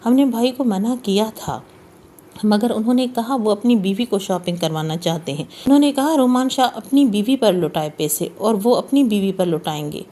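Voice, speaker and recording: Timid young wife, pleading, apologetic, audiobook character, woman reading, mellow. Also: medium pitch, lively intonation, lightly acted. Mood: meek.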